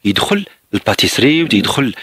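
A Moroccan man hosts a call-in show, speaking fast with a lively, rising and falling voice. His tone is husky and the sound is close and dry, and he explains things patiently and reassuringly. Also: medium pitch, dry recording. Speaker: radio advice host. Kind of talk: radio call-in advice.

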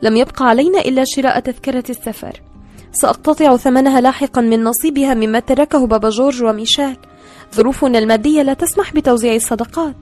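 A woman's voice: high-pitched, quick pace, a little mellow, faint music behind, pitched above the performer's own voice, natural voice. A woman reading the part of a bitter older sister who talks in a clipped, hard way.

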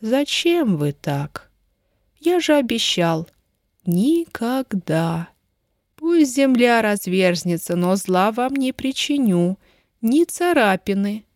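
A woman voicing a young nobleman mage who speaks softly and slowly, turning cold. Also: a little high, very animated, dry recording, studio quality, exaggerated voice. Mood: soothing.

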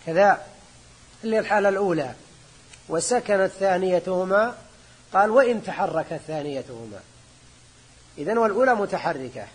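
Husky high-voiced sheikh teaching grammar. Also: male voice. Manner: repeats key words slowly, checks students with short questions. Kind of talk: classroom lecture explaining a grammar text.

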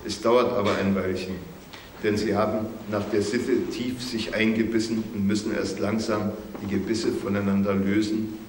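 A man voicing an old male jackal elder who pleads solemnly, in a measured, plaintive storybook reading. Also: lowish voice, little pitch movement, darkish tone, natural voice. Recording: roomy recording with faint hiss.

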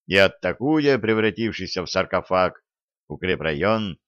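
A man reading a first-person audiobook in a measured, dramatic manner. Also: deep voice, animated, a bit bright, dry recording, lo-fi sound. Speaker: audiobook reader.

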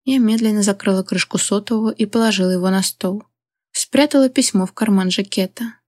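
A woman's voice: mid-range voice, fairly quick, darkish tone, no echo. A woman doing first-person audiobook narration with an emotional, dramatic reading.

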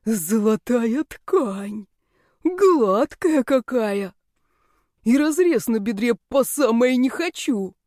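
A woman doing a big, cheeky male snake-man from a storybook, raised high and sing-song in a gushing, theatrical way. His timbre is odd and put-on, with squealing outbursts, in a dry, close recording. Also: lively intonation, slow pace, a little mellow, dry recording.

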